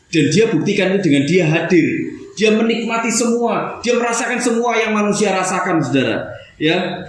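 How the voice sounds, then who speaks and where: A man preaching a sermon in a casual, conversational way, often turning to his listeners with a question. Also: high voice. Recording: very echoey room with faint noise.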